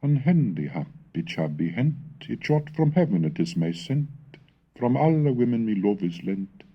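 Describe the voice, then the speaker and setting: A lecturer on English language history reads a scripted educational recording from a 1970s cassette with the highs cut off. His lowish, husky voice swings widely in pitch, measured and scholarly until he dramatically recites Middle English verse.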